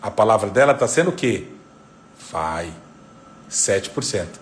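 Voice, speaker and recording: A man's voice: lowish voice, measured pace, a little hiss or hum. A man, a psychoanalyst, giving a live talk on parenting, teaching by repeating the key figures. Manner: didactic, repeats figures, lively intonation.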